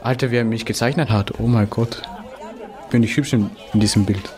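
Brief: a teen voicing a schoolboy, slangy, hesitant, school play. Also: male voice, fairly low pitch, fairly even intonation, normal speed, a little mellow, natural voice. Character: teenage schoolboy Franz, first mean then friendly. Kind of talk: amateur school drama.

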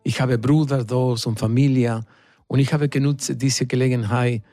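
A middle-aged man from Argentina with an Argentine Spanish accent, speaking German as a second language in a radio interview, halting and searching for words. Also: medium pitch, steady tone, dark tone, dry recording, clean studio sound. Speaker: singer, studio guest.

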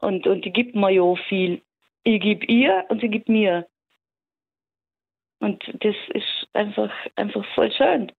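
A woman calling in to a radio show, calm and easygoing, often restarting her sentences. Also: mid-range voice, slow pace, gravelly, long pauses. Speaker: caller. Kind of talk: casual phone-in chat. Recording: tinny phone line.

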